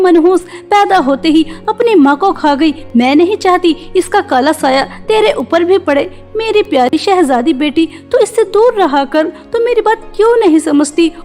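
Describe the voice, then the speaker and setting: A woman voicing a cruel middle-aged aunt in an animated story, harsh and insulting as she barks orders. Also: very high-pitched.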